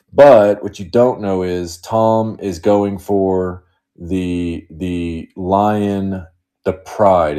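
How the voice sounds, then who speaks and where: A man's voice: deep voice, dark tone. A man hosting a live card break stream, chatting casually, rambling and joking as he reads off cards. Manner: rambling, joking, laughs often.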